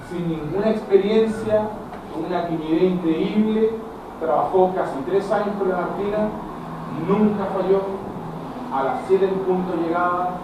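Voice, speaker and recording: Chilean guy teacher, middle-aged, kinda high voice, lecturing the class from way off the mic, super echoey noisy room. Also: distant mic. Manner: animated, addresses students directly, acts out dialogues. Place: school classroom. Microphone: camera at a distance.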